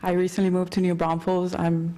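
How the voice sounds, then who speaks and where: A woman's voice: lowish voice, monotone, a little fast, mellow. A woman from Mexico, a newly hired officer, giving a short, earnest self-introduction to the city council. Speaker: new detention officer.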